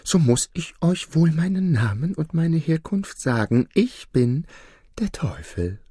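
A man's voice: sing-song, measured pace, slightly rough, no room sound, studio quality, full character voice. Man putting on a sly, wheedling devil. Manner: higher, soft, wheedling delivery. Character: sly male devil, smooth and evasive.

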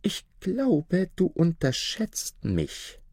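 A man's voice: high-pitched, wildly swooping pitch, extremely slow, darkish tone, husky, no echo, studio quality, voice pushed up, exaggerated voice. A man voicing a greedy, wily old tailor who haggles slyly for gold. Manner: sly and haggling.

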